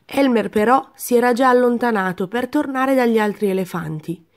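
Gentle woman reading a children's story. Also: fairly high pitch, normal speed. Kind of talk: children's story read-aloud.

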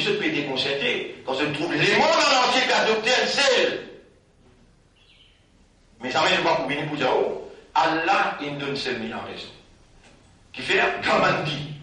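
Guy preaching a ramadan sermon, high bright voice, big echo, mic far off. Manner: animated preaching, swinging between loud and quiet. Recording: echoey hall from far off.

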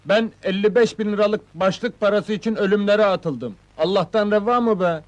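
An actor playing a cocky, street-smart young watermelon seller in a comedy film, talking brashly and defiantly. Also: male voice, sits high, normal speed, natural voice. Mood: swaggering. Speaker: watermelon seller posing as goalkeeper. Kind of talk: 1970s comedy film dialogue.

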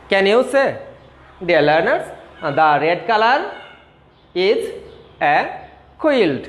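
Patient teacher drilling letter sounds, roomy echo. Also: medium pitch. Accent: Bangladeshi. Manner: patient, repetitive, asks and answers own questions. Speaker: school English teacher. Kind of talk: slow classroom lesson for young children, drilling sounds.

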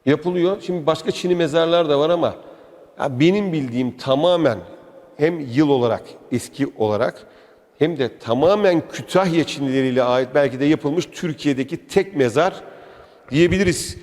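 Here a travel vlogger tours a museum, his fairly high, darkish voice moving at a moderate pace. The commentary is casual, upbeat and talkative, aimed right at the viewer, with echo from the indoor hall around him.

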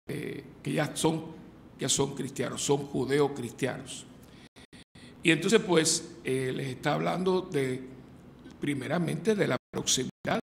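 A man's voice: on the high side, vocal fry. An older man, a priest, reading the Gospel and then giving a loose, conversational sermon at a lectern mic in a large church. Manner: conversational preaching with frequent restarts and fillers. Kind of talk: sermon at daily Mass. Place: large church with painted mural, indoors. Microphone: stand mic at lectern. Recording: echoey church hall with faint noise.

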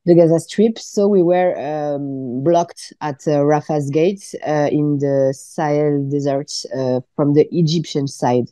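A woman with a French accent answers questions in English on a radio interview, stopping and restarting as she hunts for the right word. Her voice sits on the low side, with a mellow, dark tone. The sound is dry and close, with no room around it. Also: no room sound. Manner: halting, searching for words, many restarts. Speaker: member of parliament, guest.

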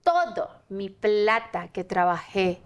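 A woman, a talk show guest telling a personal story candidly in an animated way and acting out the voices of the people in it. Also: mid-range voice, slow, smooth, lo-fi sound. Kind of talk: candid storytelling in a casual interview.

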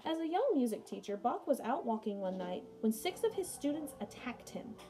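With music in the background, a young woman acting as a music teacher reads aloud in a relaxed lesson, breaking off for informal, talkative asides. Her voice sits a little high and sounds warm and very animated, moving at a normal speed, all from a small room in her home.

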